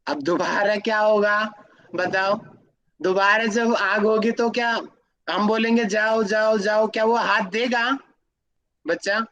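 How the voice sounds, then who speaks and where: A man's voice: high-pitched, steady tone, slow, bright, forceful tone, muffled recording. A man teaching an online class, explaining with examples and putting questions to his students. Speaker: yoga academy teacher.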